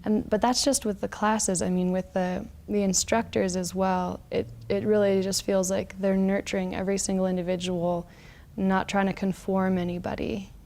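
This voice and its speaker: Flat-toned chatty woman student. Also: medium pitch, moderate pace. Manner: chatty with fillers. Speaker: massage student. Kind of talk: testimonial interview.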